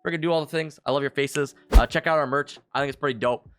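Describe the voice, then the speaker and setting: A man with a hoarse, tired voice, casually breaking down a game round as a coach and channel host, with loose fillers. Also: a little high, no echo, faint music behind. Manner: fast, animated, loose with fillers. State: hoarse, losing his voice.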